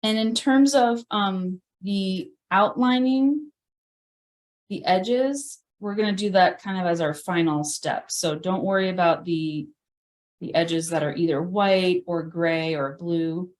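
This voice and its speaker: Woman, painting instructor, unhurried, chatty, self-deprecating, video call class. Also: lowish voice. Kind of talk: live virtual painting class.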